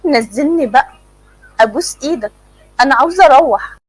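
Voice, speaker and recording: A woman's voice: sits high, expressive, fast talker, no room sound, rough recording. A woman voicing a frightened young woman who pleads and mocks. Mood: pleading. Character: scared young woman, pleading and sharp-tongued.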